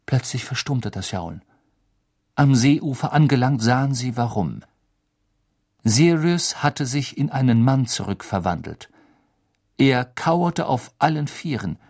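Expressive male audiobook narrator. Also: medium pitch. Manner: expressive, dramatic storytelling.

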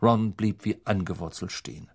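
A man narrating a storybook audiobook in an expressive, measured way. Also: sits low, breathy edge. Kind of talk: scripted narration.

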